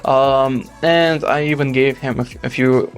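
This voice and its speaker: A man's voice: mid-range voice, steady tone, a little slow, soft background music. A man giving casual commentary over gameplay, telling a long story in a rambling, hesitant way with many fillers. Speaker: gaming YouTuber.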